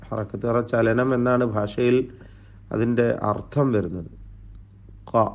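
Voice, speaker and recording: A man teaching a recitation lesson, explaining terms slowly and drawing out the recited words. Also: mid-range voice, a little mellow, highs cut off. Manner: slow, deliberate explaining with drawn-out recited terms. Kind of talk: tajweed lesson lecture.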